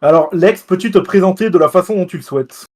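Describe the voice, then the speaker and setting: A man's voice: sits high, fast, darkish tone. A man hosting an interview podcast, reading a scripted introduction and questions in formal, ornate wording.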